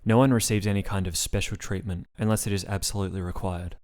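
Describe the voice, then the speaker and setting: A man reading the part of a calm, rule-bound woman doctor in a storybook reading. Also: low voice, fast talker, close to an everyday voice. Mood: placating.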